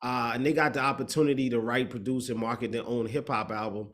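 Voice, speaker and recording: Over a video call, a Bahamian matchmaker and speaker tells his story in an interview, reflective and steady though sometimes searching for words. His voice is mid-range, and he talks fast.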